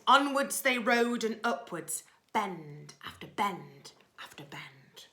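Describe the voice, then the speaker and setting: Female primary-school storyteller: slow, bright, dramatic, with hushed asides for young listeners. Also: mid-range voice, very animated. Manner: dramatic, alternating loud lines with hushed asides. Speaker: teacher reading storytime for young children. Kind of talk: expressive children's story reading.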